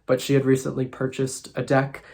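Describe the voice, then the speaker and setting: A man whose voice sounds nasal and congested from sinus trouble talks through a casual vlog. His delivery is thoughtful and musing. His pitch stays fairly flat and even throughout. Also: brisk, vocal fry. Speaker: tarot content creator.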